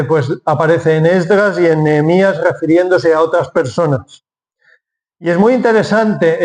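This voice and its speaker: A man's voice: on the high side, a little mellow. A man preaching a sermon from Spain, explaining step by step and asking then answering his own questions.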